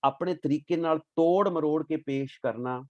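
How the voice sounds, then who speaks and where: A man giving a devotional talk on scripture, reciting verses slowly and then explaining them in a lively way. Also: a little high, dry recording, muffled recording. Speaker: Sikh scripture teacher.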